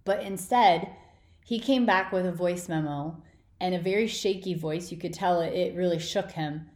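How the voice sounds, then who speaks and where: Female podcast host, slightly lower pitch, informal motivational monologue, emphatic and frank, noticeable room echo. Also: moderate pace, darkish tone. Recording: roomy, echoing indoor sound.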